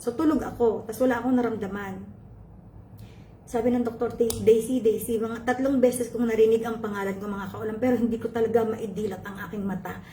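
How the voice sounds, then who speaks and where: A woman's voice: on the high side, fairly even intonation, fast talker, warm tone, a little hiss or hum. A woman vlogger tells her viewers a personal story with feeling, often turning to address them and mixing in English phrases. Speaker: cooking channel vlogger. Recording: echoey room with faint ambience.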